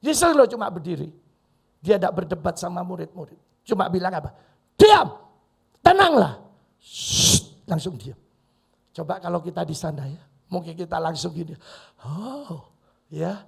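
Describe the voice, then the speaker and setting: A middle-aged pastor preaches in a church, voice pitched high for a man. His tone is husky and full of fry, and he swings into loud bursts and acted-out quotes. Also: normal speed. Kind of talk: sermon. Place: church hall.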